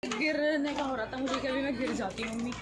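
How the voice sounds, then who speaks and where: A woman making quick, offhand remarks in casual talk at a party. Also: high-pitched, steady tone. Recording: loud crowd and noise at a reception.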